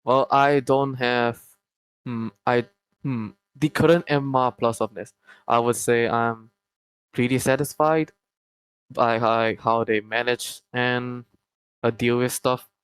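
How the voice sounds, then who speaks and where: A man's voice: mid-range voice, steady tone, clear, resonant tone, dry recording, low-quality recording. A young man talking through casual interview answers in a mid-range voice. He hesitates often, restarting phrases and trailing into fillers. The sound is dry and close, with almost no room around it. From Malaysia. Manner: hesitant, many pauses and restarts. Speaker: group owner answering interview questions.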